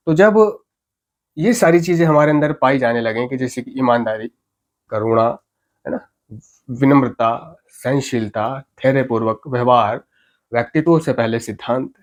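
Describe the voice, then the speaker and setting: A man with a somewhat high voice gives an earnest, explanatory talk on addiction recovery. He speaks informally and keeps checking in with his listeners through short tag questions. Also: darkish tone.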